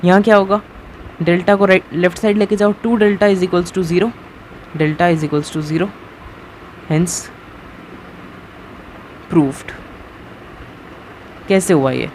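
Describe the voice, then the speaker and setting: This chatty male math teacher has a voice that sits high and sounds a little mellow. He teaches a screen-recorded lesson casually, peppering it with "theek hai." There's faint noise in the background.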